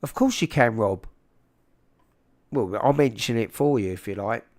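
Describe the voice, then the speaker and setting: A livestream host with a South London accent speaks a little slowly in a medium-pitched, darkish voice. He talks into a large microphone held close, casual and informal, calling people "mate."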